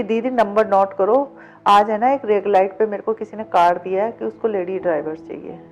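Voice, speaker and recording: This interview guest, a middle-aged woman who drives a cab, has a medium-pitched voice with a darkish tone. She relates her life story vividly, acting out past exchanges, and the recording is dull and lo-fi with quiet music underneath.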